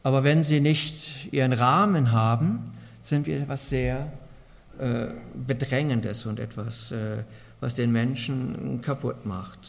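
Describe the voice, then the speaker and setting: A man with a medium-pitched, gravelly voice preaches earnestly, putting many rhetorical questions to the congregation. His loudness varies a great deal.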